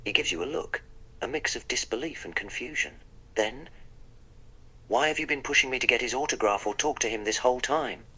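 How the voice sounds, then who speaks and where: A man's voice: medium pitch, lively intonation, brisk, sharp tone, slightly rough, heavily acted, rough recording. A man voicing the Doctor, a wry, polite eccentric time traveller, in a text-to-speech role-play that narrates his own actions.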